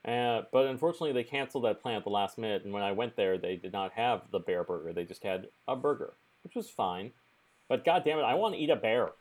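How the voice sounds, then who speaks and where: A man's voice: lowish voice, fast talker. A man co-hosting a casual podcast chat, joking in a wry, dry way. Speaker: podcast co-host.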